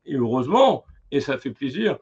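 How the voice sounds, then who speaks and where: A man hosting a casual live-stream interview, talking in a halting way as he searches for his words. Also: medium pitch, big pitch swings, a little mellow, slightly rough. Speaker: interviewer, live show host. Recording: muffled lo-fi sound.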